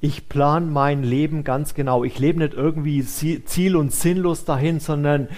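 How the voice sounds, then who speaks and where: A man's voice: fairly high pitch, steady tone, normal speed, a little mellow. A male pastor preaching a sermon, addressing listeners directly with rhetorical questions.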